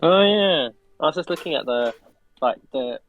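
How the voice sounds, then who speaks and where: A man's voice: a little high, expressive, moderate pace, narrow, tinny audio. A man co-hosting a casual hobby chat, throwing in playful asides and curious questions. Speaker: co-host.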